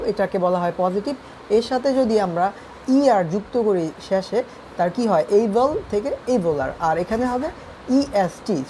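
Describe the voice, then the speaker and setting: A woman with a Bangladeshi accent leads an online grammar lesson, walking her students patiently through each rule. Her voice is soft and mellow rather than bright. A faint hiss of background noise sits under the recording. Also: medium pitch, low-quality recording. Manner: patient, explains step by step to students. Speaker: English grammar teacher.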